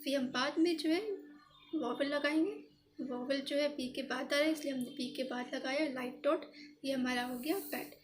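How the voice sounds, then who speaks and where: A woman's voice: high voice, steady tone, normal speed, slight background noise. A woman explaining a shorthand lesson step by step, patient and repetitive, pointing out each stroke. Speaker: shorthand teacher.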